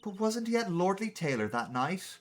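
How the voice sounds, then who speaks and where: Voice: medium pitch, sing-song, moderate pace, pitched above the performer's own voice. A streamer voicing a cheerful, worried young female spirit medium in a game read-through.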